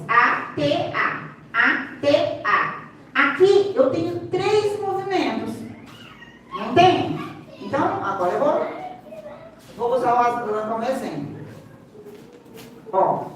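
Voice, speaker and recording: A woman's voice: high voice, a bit bright. A woman with a Brazilian Portuguese accent gives a live seminar explanation as a speaker and sign language interpreter. She is instructive, keeps pointing the audience to the demonstration, and adds playful asides. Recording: very echoey hall, distant mic, faint room noise.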